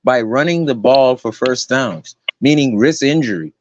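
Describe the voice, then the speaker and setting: A man's voice: mid-range voice, moderate pace, a little hiss or hum. Insistent man arguing sports, muffled. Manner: insistent, repeats himself. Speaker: panelist. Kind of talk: heated sports debate. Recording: muffled phone audio.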